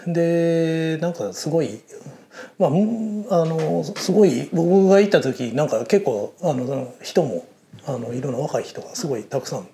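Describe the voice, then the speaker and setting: A man's voice: a little high, expressive, normal speed, gravelly, dark tone. A man hosting a casual interview, musing aloud with lots of fillers. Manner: rambling, many fillers, thinks aloud.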